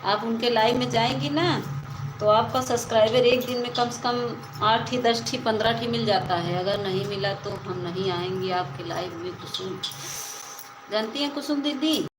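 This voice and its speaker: A woman's voice: a little high, moderate pace. Woman live-stream host, casual and repetitive with advice, rooftop recording with echo and noise. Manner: chatty, repeats advice to viewers. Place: rooftop, outdoors. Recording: echoey with background noise.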